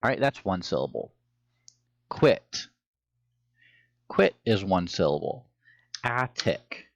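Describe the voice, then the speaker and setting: A man's voice: sits low, sing-song, brisk, gravelly, dry recording. A man teaching a phonics and reading lesson to young children, with patient, encouraging instructions.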